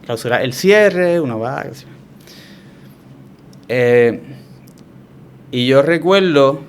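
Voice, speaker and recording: A man with a Puerto Rican Spanish accent, telling his story as a guest in a relaxed, reflective way with frequent restarts. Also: mid-range voice, takes it slowly, a little hiss or hum. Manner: reflective, hesitant with many restarts. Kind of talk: conversational testimony.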